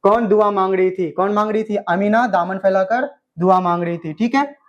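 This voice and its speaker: A male tutor runs an exam-prep quiz in Hindi with a Bihari accent, asking every question twice or three times before giving the answer. His voice sits high for a man. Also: moderate pace, dull audio. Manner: repeats each question, then answers it himself. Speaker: teacher. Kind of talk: exam-prep lesson, quizzing students.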